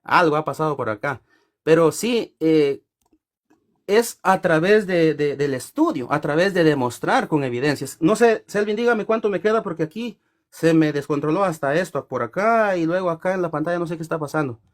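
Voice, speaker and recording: A man in a theological debate, speaking haltingly with many fillers. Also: fairly high pitch, animated. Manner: halting, full of fillers and restarts. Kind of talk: theological debate closing remarks.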